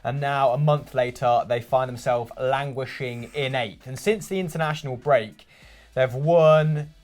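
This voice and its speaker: A young man co-hosting a casual football chat, relaxed and joking. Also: medium pitch, unhurried. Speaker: football podcast co-host.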